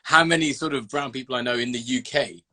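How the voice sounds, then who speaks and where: A man's voice: medium pitch, fast, bright, forceful tone. A man hosting a casual interview, loose, enthusiastic and freely swearing. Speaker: host. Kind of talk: casual interview over a phone call.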